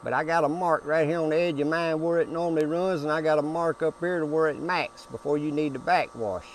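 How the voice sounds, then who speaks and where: Speaking a little fast in a slightly high, steady voice, this older homestead vlogger delivers a casual how-to outdoors by his backyard pool to a camera a few feet off. He's folksy and down-home and says things more than once, with a faint hiss or hum in the recording.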